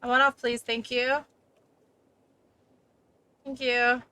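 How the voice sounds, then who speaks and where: A woman's voice: fairly high pitch, little pitch movement, slow, pushed and bright. A woman giving casual, exasperated and sarcastic commentary while she plays through a game. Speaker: gaming video host.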